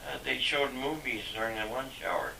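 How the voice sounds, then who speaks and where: Older man, gravelly and sharp-toned, halting talker, heard from a distance on a hissy old VHS home video tape. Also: medium pitch, expressive, echoey room. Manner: halting, with many fillers and restarts. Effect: old VHS home video sound. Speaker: father being interviewed. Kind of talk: reminiscing home interview.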